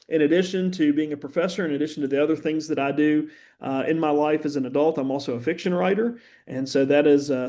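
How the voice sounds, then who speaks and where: A middle-aged university professor from West Virginia, USA, gives an earnest, conversational introductory lecture. He pauses with frequent "uh"s and occasionally stammers. His voice is fairly high and mellow.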